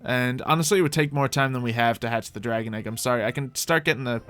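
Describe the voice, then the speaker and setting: Against a noisy background, a Minecraft let's play host talks fast in a mid-range voice. His gameplay commentary is loose and rambling, a playful stream of thinking aloud.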